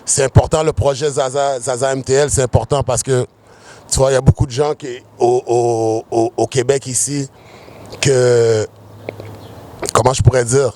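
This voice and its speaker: A man in his forties, a rapper being interviewed outdoors on a city street. He talks in a relaxed, rambling way, often repeating himself and dropping bits of English slang. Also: medium pitch, moderate pace. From United States, raised in Quebec. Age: 40s. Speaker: rapper guest.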